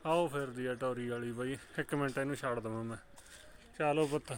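A man's voice: medium pitch, brisk. A man in a casual vlog, coaxing his pigeons with repeated calls and talking to viewers. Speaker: vlogger. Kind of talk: casual vlog narration while handling pigeons.

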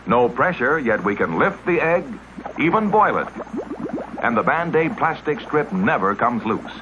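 A man announcing in a brisk, emphatic pitchman style, heard as an old 1950s TV broadcast. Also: very animated. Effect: dull 1950s TV broadcast sound. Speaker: commercial announcer. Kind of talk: 1950s TV commercial voice-over. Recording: dull, lo-fi vintage TV audio with faint hiss.

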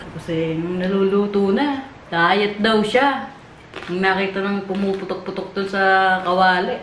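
A woman's voice: medium pitch, measured pace, background noise. A young woman co-hosting a casual food vlog, rambling chattily while talking through a mouthful of food. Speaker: YouTube vlogger co-host. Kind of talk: casual mukbang chat. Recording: echoey room.

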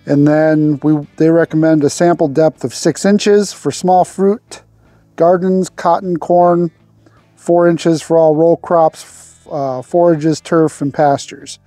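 A man's voice: a little high, little pitch movement, slow pace, warm tone, dry recording, faint music behind. A man in his forties, host of a homesteading channel, casually explains a farm chore outdoors into a lapel mic, with easy fillers along the way. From Arkansas. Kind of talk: casual instructional vlog.

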